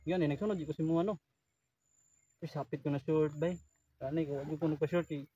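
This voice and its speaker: A man chatting casually outdoors on a mountain, measured and repeating himself as he thinks. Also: on the high side, steady tone, mellow, slight background noise. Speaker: vlogger on a jungle outing. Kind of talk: casual chat among friends. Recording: distant, dull lo-fi outdoor mic.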